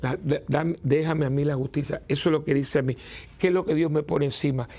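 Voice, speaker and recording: Older priest, husky gravelly voice, chatty and chuckling, breaks off and restarts. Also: male voice, on the high side, steady tone, brisk, darkish tone. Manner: conversational, self-interrupting, chuckling. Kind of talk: informal spiritual talk.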